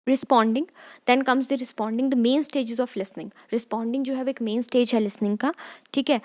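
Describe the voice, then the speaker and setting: A woman's voice: a little high, steady tone, slow, dark tone. A young woman from Himachal Pradesh giving an exam-prep lecture, explaining step by step and often checking in with "theek hai". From Kangra district, Himachal Pradesh, India. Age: young adult. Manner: explanatory, repeats "theek hai" often, mixes Hindi and English. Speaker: teacher.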